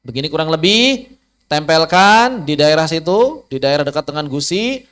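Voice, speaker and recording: A man's voice: on the high side, lively intonation, moderate pace, a bit bright, clean tone. A man, teaching a Quran recitation lesson online, asking rhetorical questions and demonstrating letter sounds aloud. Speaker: ustaz teaching tajwid.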